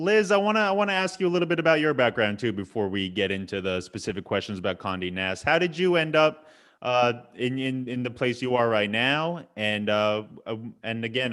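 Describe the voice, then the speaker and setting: Low-voiced man hosting a webinar. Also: a bit bright. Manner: loose, repeats words while framing questions. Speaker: webinar host. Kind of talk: hosted webinar interview.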